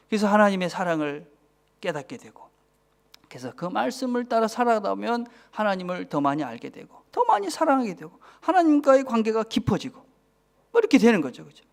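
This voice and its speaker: A man's voice: sits high, vocal fry. A man in his forties with a Busan accent, a pastor preaching a sermon, often asking the congregation for agreement and dropping to a whisper for emphasis. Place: church.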